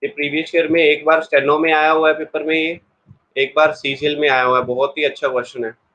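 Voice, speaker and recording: A man's voice: a little high, level tone, a little fast, a bit bright, muffled recording. A man teaching an online exam-prep English class in a chatty way, explaining with everyday examples and talking straight to his students.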